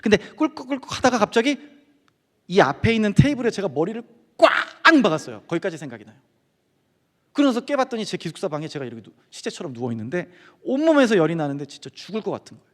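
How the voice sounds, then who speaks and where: Middle-aged man, high lively voice, testimony sermon, reverberant church hall. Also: fast talker. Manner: animated storytelling, acting out quoted friends. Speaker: guest speaker. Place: church sanctuary.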